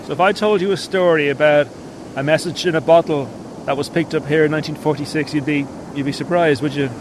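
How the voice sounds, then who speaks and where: A man's voice: a little high, steady tone, fast. A man interviewing people casually on location outdoors. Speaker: interviewer, presenter. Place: outdoors by the sea. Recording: noisy outdoor location recording.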